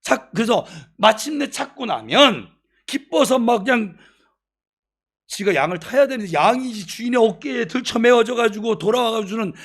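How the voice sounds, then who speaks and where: Lively, high-toned woman pastor preaching. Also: normal speed, breathy edge. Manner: animated, chatty, humorous, bursts into shouting. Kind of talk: sermon. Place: church.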